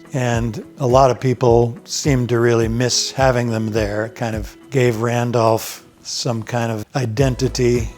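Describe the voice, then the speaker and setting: An older man telling his story in an interview as a sculptor, in an unhurried, thoughtful way with pauses as he recalls. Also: medium pitch, a little mellow.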